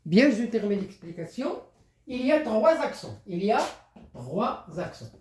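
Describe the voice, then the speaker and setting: A teacher explaining a French spelling lesson, slow, repetitive and patient. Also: medium pitch, sing-song, darkish tone. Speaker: primary school teacher. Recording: roomy, distant from the mic.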